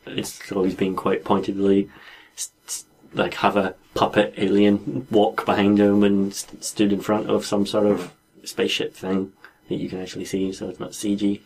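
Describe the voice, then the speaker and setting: A man's voice: fairly low pitch, completely flat delivery, normal speed, darkish tone, husky, low-quality recording. A man co-hosting a podcast, telling stories and musing in casual chat with light laughs. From Scotland. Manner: thoughtful, storytelling, light laughs. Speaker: podcast co-host.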